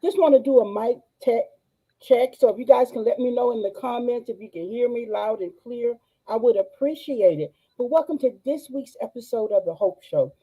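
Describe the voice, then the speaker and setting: A woman, hosting a faith-based live show and giving excited, gushing shout-outs to viewers. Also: on the high side, moderate pace, slightly rough, poor audio. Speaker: host. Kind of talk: excited live-stream chat.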